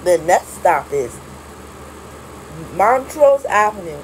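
A woman making recorded subway train announcements, stop by stop in a flat, measured announcer delivery. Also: lowish voice, slight background noise, rough recording.

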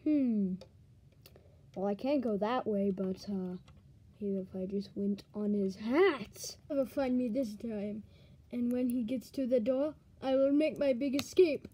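A scheming little cartoon villain acted by a woman, pitched below the performer's usual voice and mellow in tone. He mutters and gloats to himself in homemade toy play. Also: a little slow, slightly rough. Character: scheming tiny male villain, gloating and grumbling.

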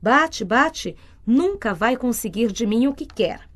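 A woman voicing a defiant young boy who speaks high and insistent, rising to shouts, in a read-aloud audiobook. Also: expressive, takes it slowly, heavily acted. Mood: shouting.

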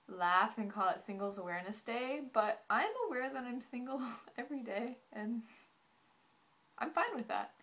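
A woman's voice: mid-range voice, fairly bright tone. A woman in her twenties chatting informally to camera as a vlogger, rambling and saying "like" often. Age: 20s. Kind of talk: casual chat to camera. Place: small living room indoors.

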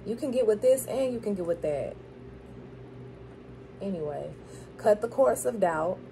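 A woman's voice: mid-range voice, expressive, measured pace, creaky, warm tone, slight background noise, poor audio. A woman from Florida, talking with a dental grill in her mouth in a casual spiritual pep talk, repeating phrases for emphasis. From Florida, USA. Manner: affirming, repeats phrases for emphasis, checks in with "okay?". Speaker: spiritual tarot card reader.

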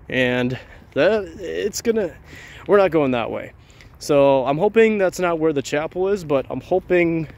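His mid-range voice has a darkish tone as he addresses viewers casually during a nighttime vlog outdoors on trails and roads. Recorded on a handheld camera, he rambles and repeats phrases.

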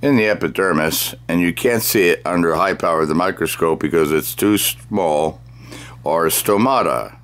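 Deep-voiced man, deliberate dictating delivery. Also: a bit bright. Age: middle-aged. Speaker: science demonstrator, host. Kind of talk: scripted science demonstration. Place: small cluttered indoor workroom.

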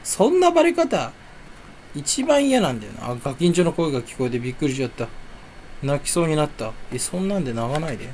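A man's voice: mid-range voice, very animated, fast, a little mellow, a little hiss or hum. A young man chatting casually to camera at his computer at home, rambling and talking to himself in a jumpy, self-mocking way. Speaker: video creator. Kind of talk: casual solo chat while browsing online. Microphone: desk or headset mic, face on camera.

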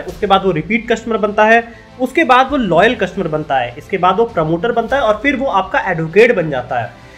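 Young man explaining business with energy. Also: sits high. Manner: brisk, addresses viewers as friends. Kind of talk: explainer video. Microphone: studio mic on desk.

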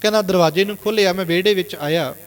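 A male Sikh preacher from Punjab tells a moral story to his congregation. His voice sits high, and he keeps retelling what others said. A long hall reverb follows his words. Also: racing, clean tone. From Punjab, India. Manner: retells reported speech with constant "he said" tags. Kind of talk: storytelling sermon.

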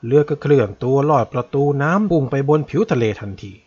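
A man calmly narrating a novel as a bedtime story. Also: mid-range voice, fast talker, breathy edge. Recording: dull lo-fi recording.

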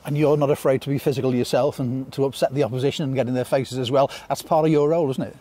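Brisk male club interviewer. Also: medium pitch, fairly even intonation, dark tone. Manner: leading questions ending in tag questions. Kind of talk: post-match interview questions. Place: outdoors at a stadium at night. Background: faint outdoor ambience.

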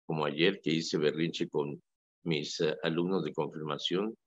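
Un sacerdote católico con acento mexicano que conversa en la radio, con un tono animado y enfático, como quien cuenta anécdotas. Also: male voice, rumbling low, unhurried, dry recording. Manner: animated, emphatic, storytelling. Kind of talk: casual radio talk. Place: radio studio. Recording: dry lo-fi radio audio.

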